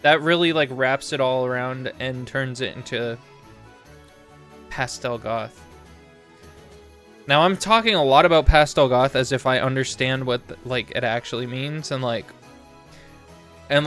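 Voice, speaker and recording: A man's voice: medium pitch, a little slow. Rambling man streaming a game. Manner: rambling, full of "like" and restarts; gets loud and excited in bursts. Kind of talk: casual live-stream chatter while gaming. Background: game music.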